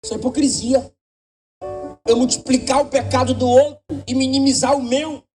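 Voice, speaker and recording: A man preaching a sermon in Brazilian Portuguese, his voice swinging between loud and soft as he presses his point. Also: very high voice, steady tone, normal speed, distant mic. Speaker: pastor. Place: church.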